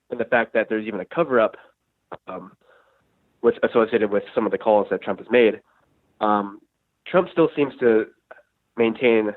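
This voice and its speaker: A man's voice: lowish voice, no room sound. Hesitant man as a radio show caller on a tinny phone line. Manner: hesitant, filler-heavy phrasing with many "um" and "like". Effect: radio show caller heard over a phone line. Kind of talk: casual call-in question.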